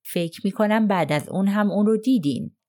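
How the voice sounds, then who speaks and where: A woman's voice: mid-range voice, warm tone, lightly acted. Woman reading as a cold, firm lawyer. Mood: probing. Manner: probing, pressing questions. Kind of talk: audiobook character reading.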